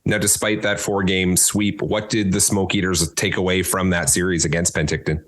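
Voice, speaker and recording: A man hosting a podcast interview, asking questions in an upbeat, lively way. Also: low-pitched, moderate pace. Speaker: podcast host.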